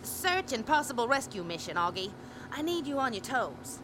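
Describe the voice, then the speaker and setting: Casting: woman as snappy newshound pilot, lively highish voice, wisecracking, retro space radio play with music. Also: moderate pace, noisy background. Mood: brisk, wry. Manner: snappy old-time slang. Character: brash, wisecracking female star reporter and pilot. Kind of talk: retro sci-fi radio drama acting.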